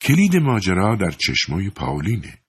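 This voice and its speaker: Grave, sorrowful old priest sleuth read by a man, deep and husky. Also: wildly swooping pitch, exaggerated voice. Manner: quiet, grave. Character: gentle, sorrowful old male priest detective.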